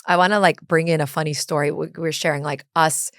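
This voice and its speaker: A woman hosting a podcast, chatting casually and telling stories with lively quoted voices. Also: low voice, quick pace, dry recording, studio quality. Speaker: podcast host. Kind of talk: casual chat.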